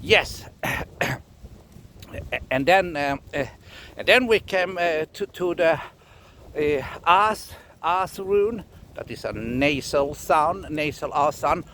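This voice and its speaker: A man from Scandinavia, teaching casually in a halting way, often repeating himself and laughing. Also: a little high, expressive, a bit bright, a little hiss or hum. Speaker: runologist teacher. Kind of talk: casual explanatory lesson.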